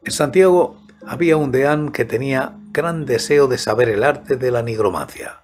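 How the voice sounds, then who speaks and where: A man in his sixties narrating a scripted story in a measured, soft-spoken way, close to a studio microphone. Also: mid-range voice, music in the background. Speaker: host and narrator of horror audiobook channel. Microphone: large studio microphone close to the mouth, headphones.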